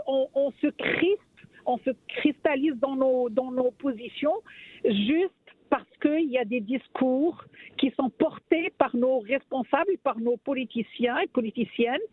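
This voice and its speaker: A woman's voice: high voice, breathy edge, no echo. A woman from Morocco, a radio guest speaking with passion, often repeating words as she searches for the next one. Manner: impassioned, repeats words while searching, rhetorical questions. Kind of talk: radio discussion. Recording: dry, phone-like line.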